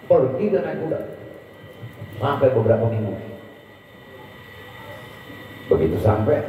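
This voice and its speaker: A man preaching a storytelling sermon, animated, raising his voice high to act out the characters. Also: slight background noise. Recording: distant echoey hall, dull sound.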